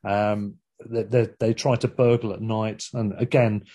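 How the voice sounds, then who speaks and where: A man's voice: fairly low pitch, flat delivery, a little slow, mellow. A man in a casual film discussion, telling the plot in a rambling way with many fillers. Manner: rambling, with frequent fillers and laughs.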